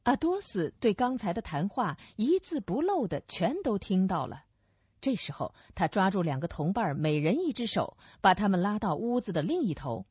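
A woman narrating a radio story in a steady storyteller's manner. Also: medium pitch, moderate pace, breathy edge, no room sound. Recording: dull lo-fi recording.

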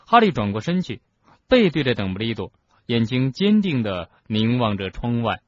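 A man narrating a novel as an audiobook, with expressive storytelling. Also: mid-range voice, moderate pace. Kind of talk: scripted narration. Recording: dull lo-fi recording.

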